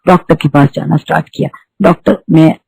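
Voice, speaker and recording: A woman's voice: sits low, fairly even intonation, a little fast, gravelly, darkish tone, slightly rough, no echo, poor audio. A middle-aged woman, telling her spiritual testimony earnestly and repeating herself as she goes. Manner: earnest, repetitive storytelling with restarts. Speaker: devotee giving testimony.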